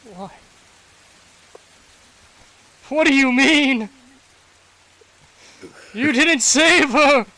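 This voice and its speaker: A man voicing a grief-stricken father who pleads and then shouts in anguish. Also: extremely high pitch, very slow, no echo, voice pushed up, exaggerated voice. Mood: furious. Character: grieving desperate father, man.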